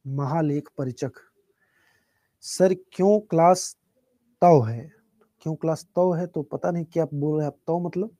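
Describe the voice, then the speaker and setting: A man teaching a live online exam-prep class, speaking softly and unhurriedly while answering students' chat questions. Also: on the high side, no echo. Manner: soft-spoken, calm and unhurried.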